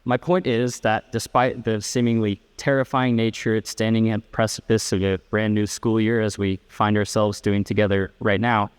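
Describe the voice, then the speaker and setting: A teenage boy, chair of a student honor council, giving a measured, slightly formal and reflective prepared speech at a school ceremony. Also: lowish voice, little pitch movement, smooth. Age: late teens.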